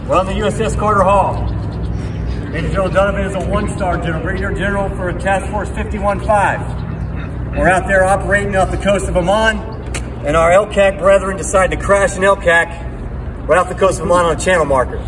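A man giving his military retirement speech, heartfelt and close to tears, telling stories to the crowd. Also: high-pitched. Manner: heartfelt, close to tears, turning into a lively storyteller. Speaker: retiring Marine master sergeant giving a speech. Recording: roomy hall, distant mic, noisy.

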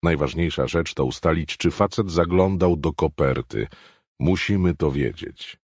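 A man's voice: very deep voice, expressive, a little slow, darkish tone, slightly rough, dry recording, studio quality, pitched above the performer's own voice, full character voice. A man voicing a blunt, demanding male police chief. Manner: blunt, pushy.

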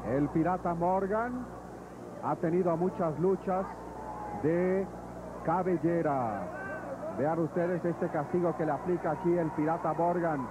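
High-pitched Mexican male wrestling commentator. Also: a little slow. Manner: narrates moves and recounts fighters' past bouts. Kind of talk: live wrestling play-by-play commentary. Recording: noisy old television broadcast audio.

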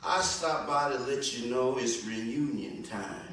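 Middle-aged man, preacher, slow call-and-response sermon, bright voice, far off in an echoey church. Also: mid-range voice, slight background noise. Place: large church sanctuary, indoors, at the pulpit. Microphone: pulpit mic, recorded by a far camera.

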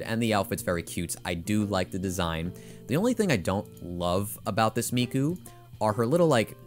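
A young man with a lowish voice gives a casual, opinionated product rundown, rambling and full of fillers. His voice is a touch hoarse, as if he is losing it. Soft guitar music plays faintly behind him. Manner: chatty, opinionated, thinking aloud with frequent fillers. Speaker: figure collecting channel host.

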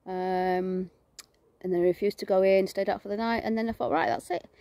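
A woman who vlogs and rescues animals films herself on her phone in her garden, chatting casually and rambling with plenty of fillers. Her mid-range voice is warm and steady, with some vocal fry and a brisk pace. The audio has no echo.

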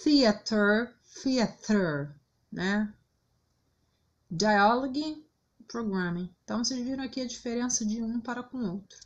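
A woman's voice: on the high side, muffled recording. A woman with a Brazilian Portuguese accent, an English teacher going over exercises in a recorded class and checking in often with her students. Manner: unhurried, checks in with "né?" and "tá?".

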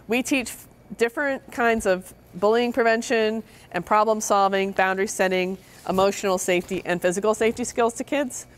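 A woman's voice: mid-range voice, moderate pace. A middle-aged woman giving a public lecture to parents on child safety, earnest and stressing key words by repeating them. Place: meeting room with audience.

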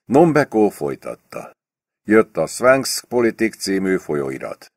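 A man reading a novel aloud as an audiobook in a steady, expressive way. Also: lowish voice, no echo, studio quality. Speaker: audiobook reader. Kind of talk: audiobook narration.

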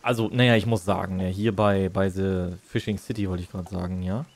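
A man's voice: low-pitched, steady tone, fairly quick. A man thinking aloud in casual, rambling commentary while livestreaming a game. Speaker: livestreamer, gamer. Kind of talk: casual live gaming commentary.

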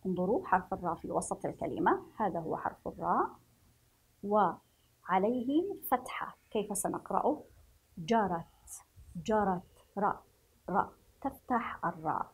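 Woman teacher, breathy voice, stretches syllables slowly for young children. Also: medium pitch, very animated, rough recording. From Yemen. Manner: slow drawn-out syllables, praising pupils. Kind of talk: children's reading lesson.

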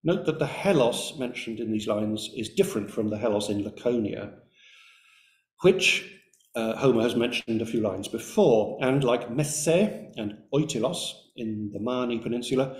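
A man's voice: mid-range voice, animated, darkish tone. Man reading a lecture in an echoey room. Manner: measured, reading carefully with brief hesitations. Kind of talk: academic lecture read from a script.

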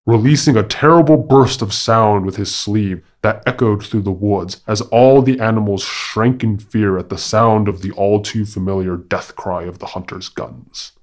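A man narrating a fable for a podcast in a deliberate, formal storytelling manner. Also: on the low side.

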